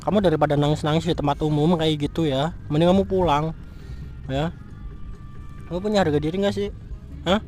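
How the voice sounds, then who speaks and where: A man's voice: on the high side, steady tone, brisk, long pauses, darkish tone, faint music behind, lightly acted. A man playing a furious young man who scolds and curses his cheating fiancée in a scripted street drama. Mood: angry. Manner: angry scolding, cursing. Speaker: jilted fiancé.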